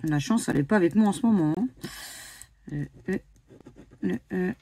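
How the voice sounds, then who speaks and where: A French woman who makes scratch-card videos on YouTube chats casually while scratching lottery tickets, spelling letters out one at a time with lots of hesitation. Her voice is lowish, dark and husky, expressive and moderately paced, with no room sound.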